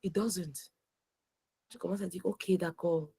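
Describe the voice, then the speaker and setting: Woman, devotional teacher, passionate, mixes French and English, husky, lowish voice. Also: steady tone, takes it slowly, dark tone, dry recording.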